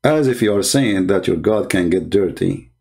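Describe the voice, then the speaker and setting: A man's voice: low voice, lively intonation, normal speed, darkish tone. A man hosting a channel and giving polemical commentary in non-native English, mocking and sarcastic, trading insults. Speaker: channel host and religious debater.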